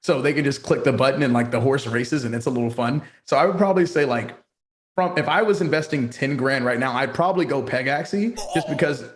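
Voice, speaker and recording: A man appearing as a guest, a guild founder, talking in an animated, playful way with slangy asides in a casual chat. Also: mid-range voice, fairly quick.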